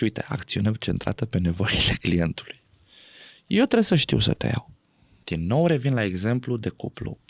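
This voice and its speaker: A man speaking as a podcast guest in animated conversation, often laughing and acting out what others say. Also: mid-range voice, no echo. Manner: animated, acts out quoted speech, laughs often.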